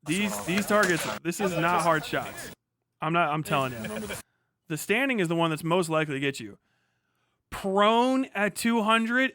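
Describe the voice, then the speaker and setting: A middle-aged former Marine hosts a livestream, reacting off the cuff in loose, slangy commentary and swearing freely as he rambles. His voice is fairly high, bright and punchy, recorded dry and close.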